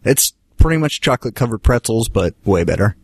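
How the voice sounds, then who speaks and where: A laid-back man chatting on a podcast, his voice gravelly and pitched on the low side. He rambles and pokes fun at himself. The sound is close and dry. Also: big pitch swings, fairly quick, darkish tone, dry recording. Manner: laid-back, rambling, self-deprecating, swears casually. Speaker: podcast co-host. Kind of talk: casual chat.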